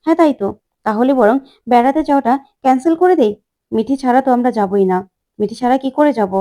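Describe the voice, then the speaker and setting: A firm, protective uncle who insists and snaps, as a woman puts him on. The pitch stays on the high side with a mellow, rounded tone. He speaks in a storytelling recap. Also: fast, lightly acted. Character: protective middle-aged uncle, quick to anger.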